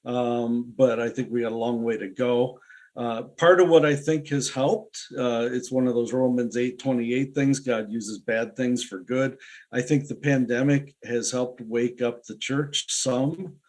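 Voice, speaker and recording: An earnest male author talking as an interview guest, telling personal stories in a relaxed way and laughing easily. His pitch sits in a middle range. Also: measured pace. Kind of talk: casual interview talk.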